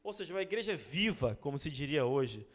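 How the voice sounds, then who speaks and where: A man's voice: a little high, very animated, a little fast. Brazilian guy teaching bible study, kinda chatty, keeps saying né, long church-hall echo. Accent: Brazilian Portuguese. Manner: conversational, frequent rhetorical "né?" asides.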